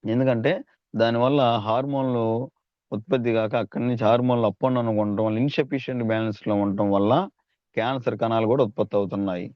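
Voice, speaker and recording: A man's voice: mid-range voice, steady tone, fast talker, no room sound, lo-fi sound. A man giving a persuasive sales training talk, calling on his listeners and asking rhetorical questions. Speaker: network marketing trainer.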